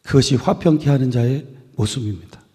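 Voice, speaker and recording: A male pastor preaching a sermon to his congregation in a church, building phrases up with emphasis and letting them fall soft at the ends. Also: medium pitch, a little fast, slightly rough. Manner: earnest preaching with swelling emphasis and soft trailing endings. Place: church sanctuary. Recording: long reverb of a church hall.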